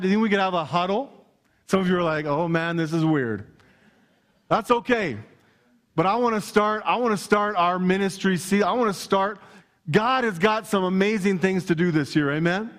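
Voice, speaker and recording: High-voiced Canadian pastor, playful and energetic. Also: male voice. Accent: Canadian English. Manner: energetic, playful, talks directly to congregation. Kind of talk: lively sermon. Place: church hall.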